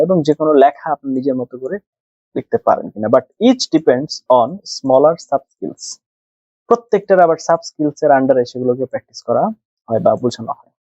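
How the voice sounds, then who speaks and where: A man's voice: mid-range voice, mellow, no room sound. Man tutoring over a dull dry mic. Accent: Bangladeshi. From Bangladesh. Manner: explains step by step, asks and answers his own questions. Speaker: exam tutor. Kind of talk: screen-share lesson mixing Bengali and English.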